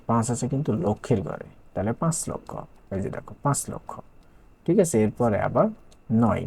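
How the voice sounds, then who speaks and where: Gravelly-voiced Bangladeshi man tutoring math. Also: on the low side, warm tone. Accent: Bangladeshi Bengali. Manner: talks students through a textbook page step by step, often checking with "okay?". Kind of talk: casual classroom explanation.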